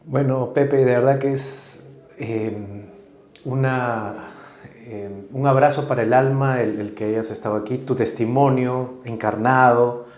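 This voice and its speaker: A man from Peru hosting a family show, speaking softly and gratefully to his guest. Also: mid-range voice, steady tone, a little slow, roomy sound. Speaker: host. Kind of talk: interview wrap-up.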